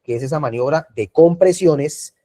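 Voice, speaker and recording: A man's voice: a little high, normal speed, mellow. A man teaching an online first aid class over a video call, repeating key points and checking in with the class. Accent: Colombian Spanish. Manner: repetitive, checks in with frequent tag questions.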